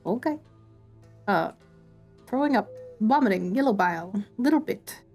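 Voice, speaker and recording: A woman's voice: medium pitch, expressive, measured pace, a little mellow, husky, soft background music. A woman streamer chatting casually while playing a game, swearing freely, reacting aloud and reading the game's text to her viewers. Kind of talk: casual gameplay commentary.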